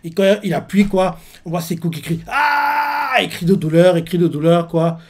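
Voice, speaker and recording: Reaction host, male, somewhat high voice, rambling casual recap. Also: steady tone, fairly quick, darkish tone. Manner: rambling, with constant filler tags and restarts. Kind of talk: casual recap of a manga chapter.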